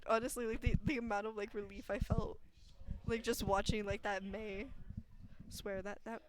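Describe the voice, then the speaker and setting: An excitable young woman chats through a college esports broadcast as co-caster. She gushes, trips over her words and repeats herself, with a voice at an ordinary middle pitch. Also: moderate pace. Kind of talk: casual live commentary chat.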